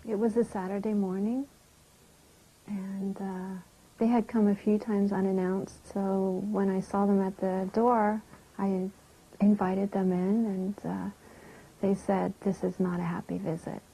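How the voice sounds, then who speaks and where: Breathy, halting middle-aged woman. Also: medium pitch, flat delivery, dark tone. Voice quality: breathy, often dropping to a whisper. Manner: slow, halting, emotional. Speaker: mother interviewed about her children. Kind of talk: documentary interview. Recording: dull lo-fi recording.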